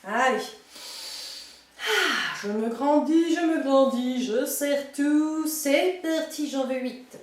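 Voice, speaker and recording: High-voiced woman coaching a chair workout. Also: slow, long pauses. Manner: coaching, counting reps and cueing breathing; encouraging, light teasing. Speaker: fitness instructor. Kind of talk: guided chair exercise class. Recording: very echoey room, mic far off.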